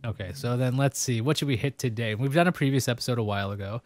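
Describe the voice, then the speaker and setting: Hosting a casual interview show in New York, a man rambles and cracks jokes at his own expense. His medium-pitched voice moves fast, and there's no room sound in the recording.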